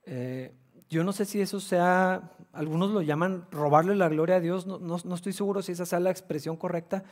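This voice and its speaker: A man's voice: sits high, fairly quick, darkish tone. Earnest man preaching a sermon. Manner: earnest, repetitive, with frequent restarts and fillers. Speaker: pastor.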